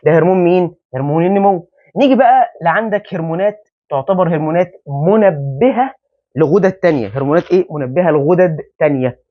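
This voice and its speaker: A man with an Egyptian Arabic accent teaches biology in a rapid, high voice. He keeps firing rhetorical questions at his students and answering them himself. The recording sounds dull and lo-fi. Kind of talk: biology lesson at a whiteboard.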